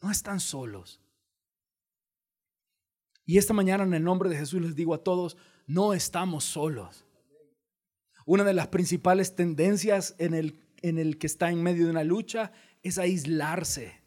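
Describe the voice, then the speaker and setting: A male pastor, preaching an animated sermon and addressing the congregation directly. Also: high-pitched, normal speed.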